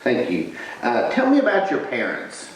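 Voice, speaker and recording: A man's voice: mid-range voice, wildly swooping pitch, normal speed. Very roomy distant recording, male interviewer, oral history questions, off-mic. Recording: echoey, distant from mic, faint noise.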